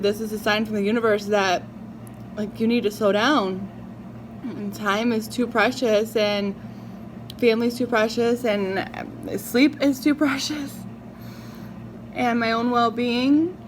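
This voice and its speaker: Reflective woman chatting while eating, noisy background. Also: medium pitch. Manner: chewing and eating while talking; reflective, halting, with drawn-out words and pauses. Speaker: mukbang vlogger. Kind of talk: casual confessional chat to viewers.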